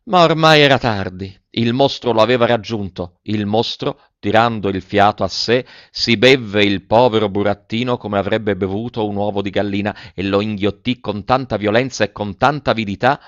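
A man reads a classic storybook aloud in a measured, expressive voice. The recording is dry, with no room echo, and slightly muffled. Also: on the low side. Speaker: narrator. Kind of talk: storybook audiobook reading. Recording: dull, dry audiobook recording.

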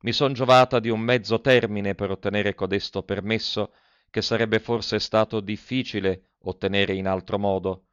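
A cautious old nun writing in ceremonious, careful phrases, read by a man in his own low voice. The delivery is measured and formal, on a dry, close recording that sounds dull and muffled. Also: steady tone, clean tone, dry recording, close to an everyday voice. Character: elderly nun, cautious, formal letter writer. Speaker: audiobook reader. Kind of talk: reading a formal letter aloud.

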